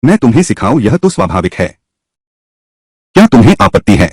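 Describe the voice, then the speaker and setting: A man's voice: on the low side, sing-song, a little fast, darkish tone, husky, dry recording. Man voicing a fierce scolding mother-in-law. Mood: furious. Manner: scolding, threatening. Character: fierce transmigrated mother-in-law, middle-aged woman.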